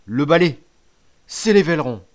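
A man's voice: a little high, animated, normal speed, voice pushed up, close to an everyday voice. A man voicing a boy grumbling and lamenting over lost treasure. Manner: grumbling, wailing list.

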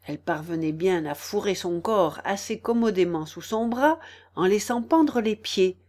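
A woman narrating a storybook audiobook at a slow, deliberate pace. Her reading is expressive, with wide, lively swings in pitch as she tells the tale.

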